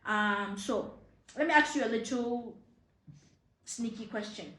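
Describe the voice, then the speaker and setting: A playful young woman from Nigeria hosts a casual chat, her voice pitched a little high. She keeps adding fillers and restarts as she talks. The room sounds echoey around her. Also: measured pace, fairly bright tone. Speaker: host.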